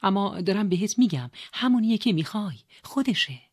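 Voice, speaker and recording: A woman's voice: medium pitch, animated, darkish tone, breathy edge, pitched above the performer's own voice. A woman voicing a young adult woman, an urging and encouraging sister, in an audiobook. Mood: insistent. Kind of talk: audiobook dialogue reading.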